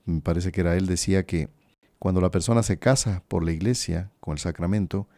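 A priest speaks in a low, mellow voice on a podcast, reflective and conversational. The sound is dry and close, with no room around it. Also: male voice, a little fast, no echo. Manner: reflective, conversational, often asks "¿no?".

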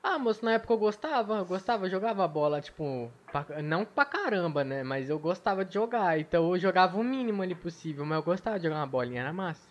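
Young brazilian dude chatting fast, lots of street slang, voice a bit high. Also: male voice, animated, dull audio. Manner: loose, slangy street talk. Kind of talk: casual chat.

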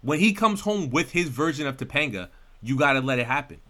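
Excitable man with a bright voice. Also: mid-range voice, brisk. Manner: excitable, rambling, swears often. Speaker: podcast co-host. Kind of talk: casual chat.

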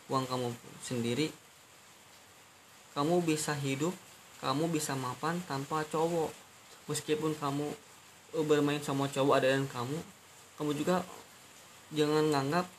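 Male podcast host, sincere stop-start monologue, monotone delivery, hissy recording. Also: on the high side, poor audio. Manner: halting, earnest, repeats phrases and restarts often. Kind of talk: personal monologue addressed to his girlfriend. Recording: steady hiss behind the voice.

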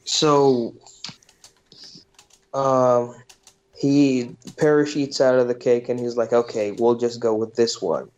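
A man's voice: medium pitch, steady tone, slow pace, pauses often, darkish tone. A man hosting a podcast, casually retelling a movie plot in a rambling way with lots of fillers. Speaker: podcast host. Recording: dull lo-fi podcast recording.

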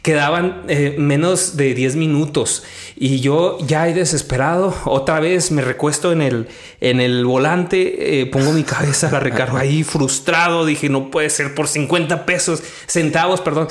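A man, hosting a devotional podcast and telling a personal faith story in a lively conversational way. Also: a little high, a little slow. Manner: animated storytelling, quotes his own prayers. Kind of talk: conversational testimony.

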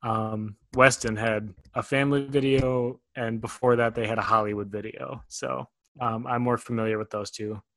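A man's voice: medium pitch, steady tone, moderate pace, fairly bright tone, dry recording. A man from Wisconsin co-hosting a podcast in a chatty, rambling way, laughing easily. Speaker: podcast co-host. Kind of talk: casual chat.

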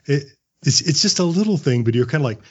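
A man who is a writer and actor talks as an interview guest, casual and anecdotal, often chuckling as he goes. His voice is a little high, animated and fast with a breathy edge, and the audio sounds dull.

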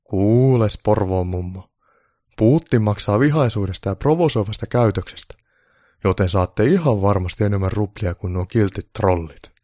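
A man's voice: lowish voice, mellow, no room sound, studio quality, close to an everyday voice. A man voicing a grumpy old Santa Claus with bellowing, blustery threats, in a comic storybook reading. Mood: bargaining.

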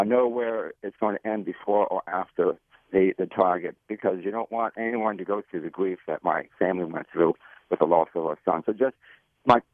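Mature male phone-in caller, low dry voice, measured and halting, thin telephone sound. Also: no room sound. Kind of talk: unscripted call-in comment. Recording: narrow, tinny phone line.

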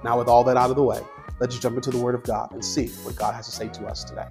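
A man reads a scripted church broadcast intro at a fast clip, smooth and steady. His pitch barely moves, and a clear music bed plays beneath him. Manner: smooth even promo read.

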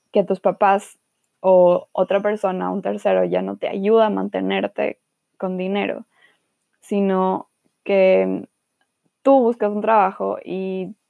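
A woman's voice: medium pitch, creaky, no room sound, narrow, tinny audio. A young woman from Ecuador hosting a casual podcast, talking reflectively with fillers about living on her own as a student. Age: young adult. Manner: reflective, talks with many fillers. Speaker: podcast host. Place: Germany.

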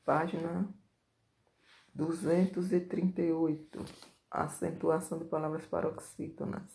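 A teacher, slowly reading out workbook corrections and dictating answers word by word. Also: medium pitch, level tone, creaky, darkish tone.

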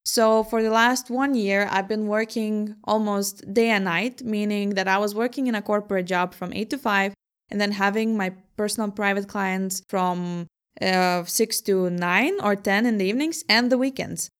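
This young Lithuanian entrepreneur talks about her business in an interview using fairly even intonation. Her middling-pitched voice is clear and resonant, and she answers with care while laughing readily.

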